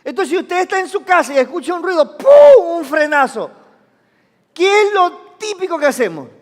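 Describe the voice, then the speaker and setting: A man's voice: extremely high pitch, big pitch swings, moderate pace, fairly bright tone. A male pastor preaching a sermon, questioning the congregation, having them repeat phrases, and acting out sounds with sudden exclamations. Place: church. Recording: long reverb of a church hall.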